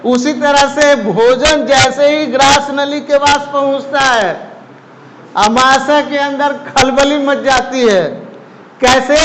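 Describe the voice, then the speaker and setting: A male biology teacher speaks at an unhurried, deliberate pace, repeating key terms and checking whether students follow. His voice sits very high, and it rings with long reverb in a classroom. A faint hum runs underneath. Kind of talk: classroom lecture. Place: classroom with board. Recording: echoey room, faint background noise.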